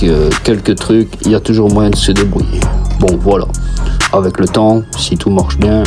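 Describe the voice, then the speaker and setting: A man with a Belgian French accent, talking casually to camera in his basement workshop, informal and chatty. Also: low voice. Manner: chatty, informal, calls the viewer "mon copain". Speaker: YouTuber and mechanic. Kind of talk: casual vlog talk to camera.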